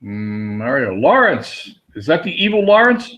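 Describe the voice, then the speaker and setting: Hosting a live webinar, a Pennsylvania Dutch-accented man chats with viewers and addresses them by name. His mid-range voice is sing-song and unhurried, with a fairly bright tone, heard through dull lo-fi audio.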